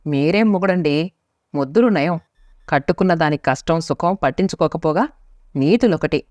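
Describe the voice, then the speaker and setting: A woman narrator voicing a sharp-tongued, quarrelsome middle-aged wife who scolds and resents her husband, in a storybook reading. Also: deep voice, normal speed, dry recording, close to an everyday voice. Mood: scolding. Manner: biting, scolding. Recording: dry, slightly muffled lo-fi recording.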